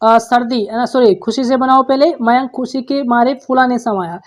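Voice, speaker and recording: A woman teacher with a fairly high voice at normal speed patiently works through workbook answers for young pupils. She poses questions and repeats the answers in this workbook solution lesson.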